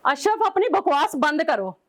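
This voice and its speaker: Pakistani woman, high voice, upset caller, scolding and pleading. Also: sing-song, a little slow. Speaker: caller, estranged wife. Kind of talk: angry phone call to husband.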